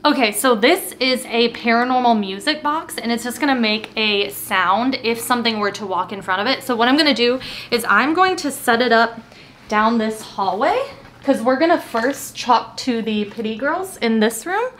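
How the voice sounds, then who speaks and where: A woman investigating a haunted lighthouse, explaining her equipment step by step and talking gently to the spirits. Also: fairly high pitch, normal speed, slight background noise. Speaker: paranormal investigator. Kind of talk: casual on-location narration. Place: old lighthouse keeper's house indoors.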